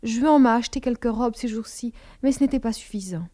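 A woman's voice: fairly high pitch, a little fast, warm tone, close to an everyday voice. A woman reading a vain, elegant young woman. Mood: chatty.

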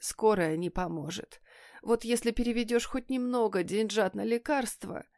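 A woman's voice: fairly high pitch, moderate pace, darkish tone, no echo, clean studio sound, pitched above the performer's own voice, close to an everyday voice. A woman putting on a wheezing, moaning mother. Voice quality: wheezy, raspy. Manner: moaning, pitiful. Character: wheezing, self-pitying older mother faking illness.

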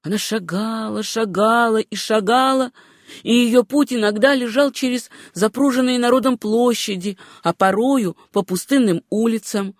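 A woman narrating a novel as an audiobook, reading in a measured, unhurried way. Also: a little high, no echo, studio quality.

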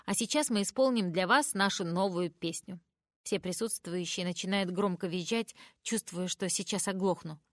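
A woman's voice: lowish voice, normal speed, no echo. Woman reading a teen story, dry sound. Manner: shifts into raised emotional voices for the dialogue. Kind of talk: first-person story reading with voiced dialogue.

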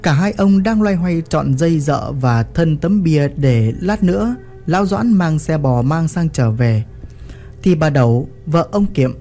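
A man's voice: on the high side, lively intonation, measured pace, mellow, soft background music. A man narrating a village story in a vivid, earthy storytelling manner.

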